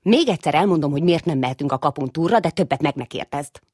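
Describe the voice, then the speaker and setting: A woman's voice: sits low, big pitch swings, breathy edge, no echo, studio quality, exaggerated voice. A woman voicing a sporty, know-it-all older brother mouse who teases and grumbles. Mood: teasing. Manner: teasing, grumbling.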